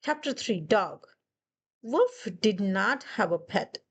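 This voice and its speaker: A woman's voice: expressive, husky. A woman reading a children's picture book aloud, lifting her voice for the quoted lines. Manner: slow storytelling, voices quoted lines higher.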